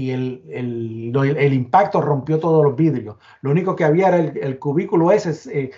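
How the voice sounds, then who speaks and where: In this lo-fi clip with the highs cut off, a Puerto Rican man with a fairly high, slightly mellow voice and a Puerto Rican accent recounts an emotional personal experience as an interview guest. He speaks haltingly, frequently tripping over words and restarting or repeating them as emotion takes hold.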